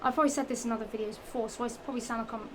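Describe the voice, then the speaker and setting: In a noisy home recording, a young vlogger from England talks very fast about her shoes, her slightly high, steady voice marked by a Norfolk accent. The heat has her sounding a bit strained. Her casual show-and-tell is rambling and giggly, with repetition, many fillers and restarts.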